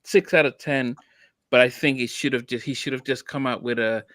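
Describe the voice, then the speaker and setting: A man's voice: mid-range voice, fairly even intonation, normal speed, a bit bright, no room sound. A man hosting a podcast, chatting casually about an album with lots of restarts. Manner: hesitant, many restarts and fillers. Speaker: podcast host. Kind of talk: casual music review chat.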